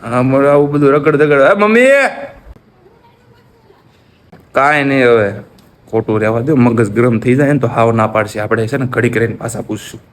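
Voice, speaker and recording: A man's voice: mid-range voice, fairly even intonation, brisk. A young man from Gujarat, chatting casually to viewers in a home vlog and pleading playfully with his mother. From Gujarat, India. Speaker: vlogger. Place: family home, rooftop.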